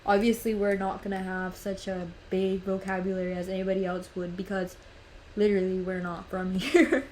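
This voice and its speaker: A nineteen-year-old woman whose first language is Spanish hosts a casual podcast chat in a medium-pitched, slightly mellow voice with fairly even intonation at normal speed, over a little hiss or hum. She rambles from topic to topic, using plenty of "like" and "literally."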